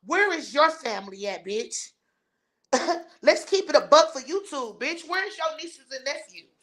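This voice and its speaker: A woman's voice: sits high, animated, measured pace, fairly bright tone. A woman hosting a live stream, ranting bluntly and scornfully while reading and answering her viewers' chat. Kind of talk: heated live-stream rant.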